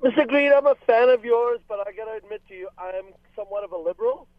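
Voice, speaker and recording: Earnest caller from Lebanon on a dull phone line. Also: male voice, extremely high pitch, fast, dry recording. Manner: earnest, talks over the host, many restarts. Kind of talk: call-in radio talk.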